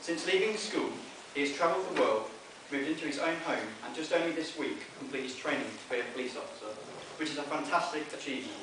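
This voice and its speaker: A man's voice: on the high side, quick pace, few pauses. Echoey best man's wedding speech. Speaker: best man. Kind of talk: wedding speech, read from notes. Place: inside a wedding venue, speaking to guests. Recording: roomy echoing, noisy, distant event recording.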